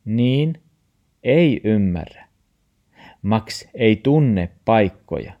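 A man's voice: fairly low pitch, lively intonation, lo-fi sound. A man doing a patient old granddad. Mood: reassuring. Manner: slow, soothing and reassuring.

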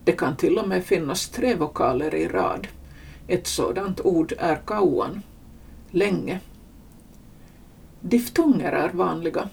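Low, gravelly woman reading a language lesson. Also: lively intonation, darkish tone, recorded from a distance. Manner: slow, clearly spelled-out reading. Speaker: language teacher. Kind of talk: scripted instructional narration.

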